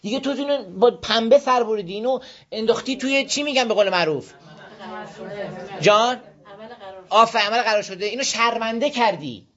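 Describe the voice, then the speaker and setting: With an extremely high-pitched, fairly bright voice and frequent pauses, a man from Iran offers a group informal moral guidance on raising children. He tells stories and often checks whether people follow him. The audio is dull and lo-fi.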